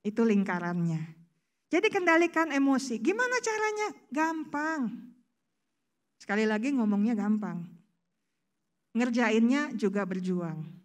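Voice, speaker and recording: A woman's voice: on the high side, sing-song, unhurried, long pauses. A woman preacher, giving a chatty sermon full of rhetorical questions she answers herself. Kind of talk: casual sermon.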